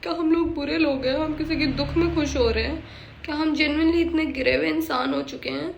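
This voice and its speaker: A woman giving a casual, animated drama review, often switching into English and teasing the characters as if talking straight to them. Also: sits high, a little fast, creaky, lo-fi sound, slight background noise.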